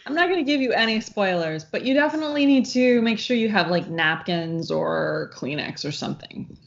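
A woman's voice: medium pitch, a little fast, creaky. A woman hosting a casual group chat, telling stories with lots of laughter and the odd swear. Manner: animated, laughing storyteller who swears casually. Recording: dull lo-fi recording.

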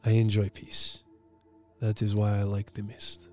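A man voicing a calm, stoic, benevolent ancient male dragon in a deepened voice with a put-on Russian-like accent, speaking slowly and in measured tones. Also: faint music behind, natural voice. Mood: calm, peaceful. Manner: slow, calm, measured pronouncements.

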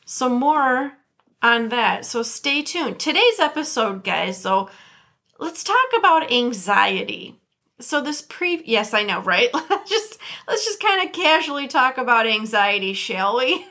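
A woman's voice: fairly high pitch, pushed and bright. A woman with a Midwestern Detroit accent hosting a casual solo podcast, chatty and often laughing as she talks to her listeners. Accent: Midwestern American (Detroit). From Detroit area, USA. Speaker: podcast host.

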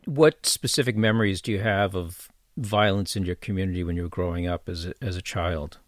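Low-voiced man asking measured questions. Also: dry recording, clean studio sound. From Boston. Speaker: interviewer. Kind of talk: interview questions.

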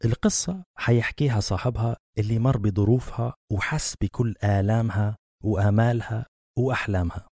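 This Libyan man, speaking with a Libyan Arabic accent, hosts a casual podcast conversation. His lowish voice is brisk and a little mellow, captured as a dry, clean studio recording, and he eagerly muses aloud about his thoughts.

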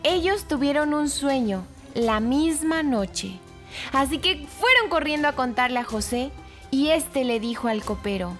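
A woman hosts a weekly children's story program and narrates with lively, emphatic expression. Her voice is high and bright. Light music plays under her narration. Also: measured pace. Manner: animated, expressive, emphatic repetition.

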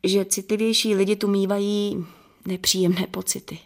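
A woman reading the lines of a calm husband and father, offhand and matter-of-fact, in an audiobook. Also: medium pitch, close to an everyday voice. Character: husband, calm and reassuring family man.

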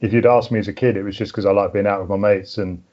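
A man's voice: fairly low pitch, fairly even intonation, fast, dull audio. A middle-aged man with a southern English home counties accent, chatting casually as an interview guest in a hesitant, thinking-aloud way. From southern England. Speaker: podcast guest, mountain biker.

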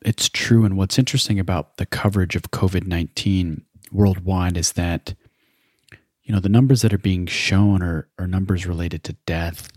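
A man hosting a podcast interview, asking measured, reflective questions. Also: sits low, steady tone, darkish tone, no echo, clean studio sound. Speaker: podcast host.

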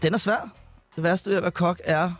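A man talking as a chef guest in a casual podcast chat, halting and full of fillers and restarts. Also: sits high, fairly even intonation, fairly bright tone, soft background music.

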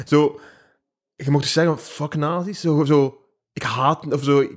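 A man's voice: a little high, fairly even intonation, slow pace. A young Flemish man co-hosting a podcast in casual chat, blunt and jokey, swearing freely. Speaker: podcast co-host.

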